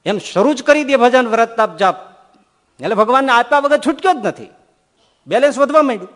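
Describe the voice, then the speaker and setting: A male swami giving a humorous storytelling sermon, shifting between soft and loud delivery. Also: very high voice, expressive, brisk. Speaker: swami giving a scripture discourse. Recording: echoey hall.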